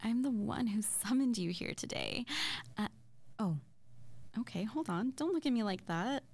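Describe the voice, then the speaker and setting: In an intimate ASMR roleplay, a woman plays an excitable, playful young witch, speaking softly and breathily, often close to a whisper. Her slightly high voice comes in a halting, giggly murmur aimed at the listener, sounding giddy and excited.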